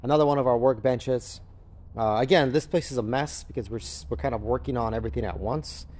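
A man with a darkish, medium-pitched voice talks fairly quickly as he films a crypto mining farm on his handheld camera or phone. His walkthrough of the large indoor warehouse, with its concrete floor, is casual, matter-of-fact, and unscripted.

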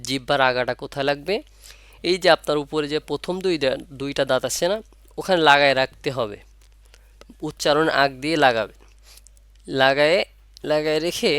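A man teaching Arabic letter pronunciation, repeating sounds slowly and asking and answering his own questions. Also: fairly high pitch, a bit bright, clean tone, dry recording, studio quality. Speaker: Quran reading teacher. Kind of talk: step-by-step pronunciation lesson.

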